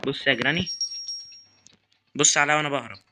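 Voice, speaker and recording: A man's voice: mid-range voice, fast talker, noisy background. A young man with an Egyptian Arabic accent commentating a horror game, nervously muttering prayers and taunting the game. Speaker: gaming YouTuber.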